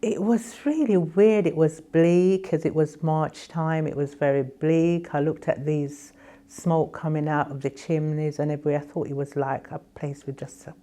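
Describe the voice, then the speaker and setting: A woman's voice: sits low, steady tone, moderate pace, mellow. An older woman born in Jamaica, recalling first impressions in a vivid, reflective way in a documentary interview.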